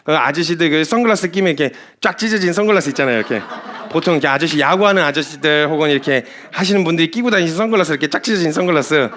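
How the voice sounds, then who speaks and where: A man who is a missionary preacher, giving a sermon full of lively stories. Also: a little high, rapid-fire, a little hiss or hum. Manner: animated, storytelling.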